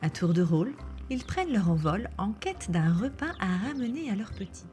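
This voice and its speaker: A woman reading scripted nature documentary narration in a measured, explanatory way. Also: mid-range voice, very animated, darkish tone. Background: background music.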